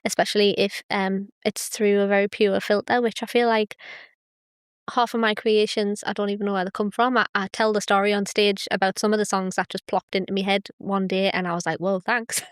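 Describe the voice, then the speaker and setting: Smooth-voiced woman chatting earnestly. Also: mid-range voice, little pitch movement, brisk, dry recording, clean studio sound. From England. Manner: earnest, enthusiastic, laughs often. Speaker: podcast guest, singer. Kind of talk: casual chat.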